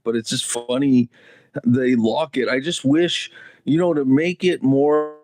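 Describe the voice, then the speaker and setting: A man rambling through a solo livestream in an unhurried, drawn-out way, chuckling and swearing as he goes. His voice sits at an ordinary middle pitch and sounds close and dry, with no room sound around it. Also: steady tone, a little mellow, no room sound. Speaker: livestream host. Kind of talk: casual solo livestream chat. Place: Canada.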